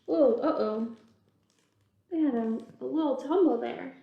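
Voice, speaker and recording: A children's librarian hosts storytime, reading aloud and teaching signs, explaining things simply and asking the young listeners questions. Her high voice is a little slow and gravelly, the highs are cut off, and the room sounds echoey.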